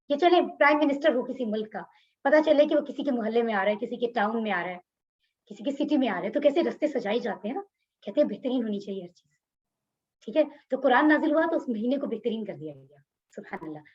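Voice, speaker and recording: A woman's voice: fairly high pitch, animated, fast talker, darkish tone, muffled recording. A woman teaching an online religious class in Urdu-accented speech. She explains words one by one, repeats their meanings and puts questions to her students. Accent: Pakistani Urdu. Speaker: Quran course teacher. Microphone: video call.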